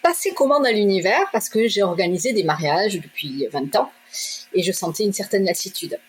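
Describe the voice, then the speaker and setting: A middle-aged woman from southwest France, a shop owner, telling her own story in a direct, lively way and acting out the dialogue. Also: medium pitch, fairly quick, a little hiss or hum. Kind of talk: animated personal storytelling.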